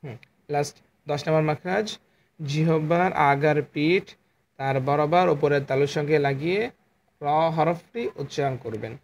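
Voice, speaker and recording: A male Quran teacher with a fairly high voice gives a patient lesson on letter sounds, drawing each one out and repeating it. He speaks into a phone, and a faint hiss sits under his voice. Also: moderate pace. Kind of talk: online lesson on letter articulation.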